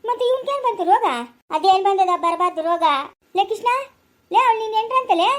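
A woman acting as a scolding village wife, very high voice, rural Karnataka Kannada accent, loud curses, amateur skit. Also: quick pace. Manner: loud berating, wailing curses. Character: furious scolding village wife, sharp-tongued.

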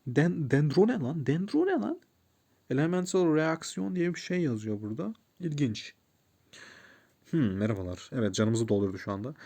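A man giving chatty, excitable let's play commentary, talking to the game and his viewers and sprinkling in English gaming words. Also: a little high. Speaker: gamer.

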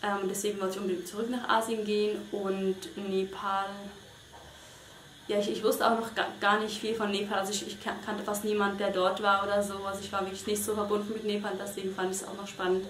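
A woman's voice: medium pitch, little pitch movement, quick pace. A young woman from Switzerland answers interview questions in a casual, hesitant way, with many fillers and restarts. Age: young adult. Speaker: volunteer interviewee. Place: small bedroom indoors. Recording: echoey room with faint noise.

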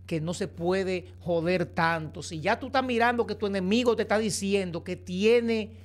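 A man's voice: high voice, normal speed. A man giving opinionated entertainment gossip commentary, lecturing his viewers. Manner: preachy, repeatedly addresses viewers as señores.

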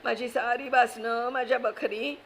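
A woman's voice: a little high, fairly even intonation, measured pace, a bit bright, pitched above the performer's own voice. A woman doing a fretful old husband. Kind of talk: storybook reading.

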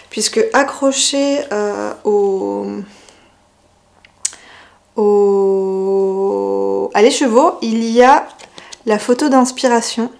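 A woman talks slowly and haltingly, often pausing on fillers and restarting her words. Her voice sits fairly high. The recording is roomy and echoey, with a faint hiss behind her. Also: vocal fry, darkish tone. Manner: hesitant, many fillers and restarts. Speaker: knitting vlogger. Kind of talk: casual unboxing chat.

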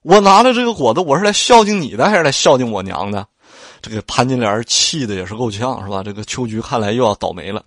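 A man's voice: medium pitch, sing-song, fast, fairly bright tone, dry recording, clean studio sound. A man narrating a classic novel aloud, retelling scenes and adding chatty commentary to listeners. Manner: chatty, colloquial asides to listeners. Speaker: audiobook narrator. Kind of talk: storytelling with commentary.

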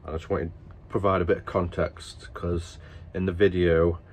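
A man's voice: low voice, level tone, normal speed, breathy edge. A man casually telling a family story to camera, rambling and stop-start, breaking into laughter. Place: at work after dinner.

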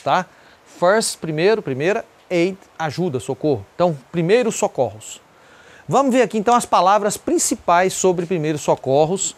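Casting: Brazilian man, high voice, chatty teacher who drills words by repeating them. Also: slight background noise. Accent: Brazilian Portuguese. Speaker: English teacher. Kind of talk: casual video lesson. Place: outdoors at a country property, breezy.

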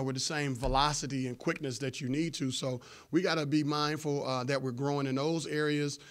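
A man's voice: mid-range voice, fairly bright tone. Man in his 40s explaining measuredly. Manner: measured, explanatory coach talk with frequent fillers. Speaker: head basketball coach. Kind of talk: postgame press conference answers. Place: press room before a sponsor backdrop. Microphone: table microphone in front of him.

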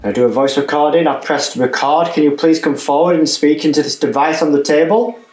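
A man's voice: on the high side, a little fast, a little mellow. A man in his thirties on a ghost-hunting vlog, talking as a paranormal investigator and calling out questions to spirits. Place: large empty indoor rooms at night. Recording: echoey rooms, music underneath. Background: music.

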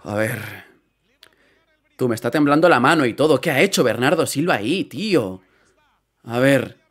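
Excitable man reacting to football. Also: mid-range voice, moderate pace. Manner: excitable, swearing, repeats phrases. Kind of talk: live reaction commentary.

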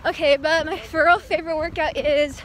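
A woman's voice: high-pitched, steady tone, moderate pace. A young woman vlog host chatting casually as she jogs outdoors, holding the phone at arm's length. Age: young adult. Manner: talking while jogging outdoors. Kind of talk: casual chat. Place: outdoors on suburban roads and paths.

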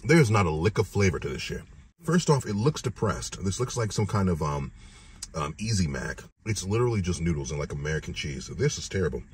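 A man's voice: low-pitched, brisk. A man in his thirties with a lisp and slushy s sounds gives a casual, joking, sweary food review. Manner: animated, joking, profane. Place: inside a car, driving and parked. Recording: car interior with road noise. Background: vehicle noise.

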